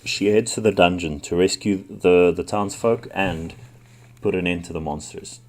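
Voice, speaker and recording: A man's voice: low voice, moderate pace. A man who is sick with the flu, casually commenting on an old computer game with frequent ums. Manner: relaxed, with frequent ums and likes. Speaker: retro game channel host.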